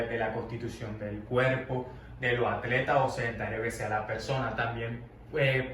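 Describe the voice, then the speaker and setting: A man's voice: medium pitch, a bit bright. Man explaining a medical exam, roomy distant sound. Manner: explanatory, with frequent fillers and restarts. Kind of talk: medical demonstration lesson. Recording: roomy, distant mic with faint noise.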